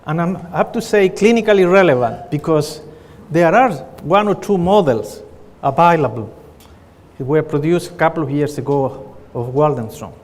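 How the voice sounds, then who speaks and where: A man's voice: a little high, normal speed. A middle-aged man from Chile with a Chilean Spanish accent, giving an earnest conference presentation as a pathologist, with frequent fillers and restarts. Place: conference hall. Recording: reverberant conference hall.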